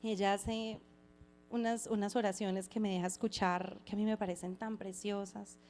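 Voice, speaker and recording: A woman's voice: mid-range voice, flat delivery, a little mellow, slight background noise. Earnest woman sharing a faith testimony. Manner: reflective and halting, with frequent restarts; earnest and heartfelt. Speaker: person giving a testimony.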